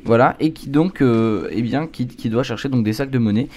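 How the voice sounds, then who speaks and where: A man's voice: mid-range voice, normal speed, darkish tone. A man giving casual horror game commentary, a scared, jumpy gamer reacting aloud as he plays. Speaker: video game streamer. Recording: clear background noise.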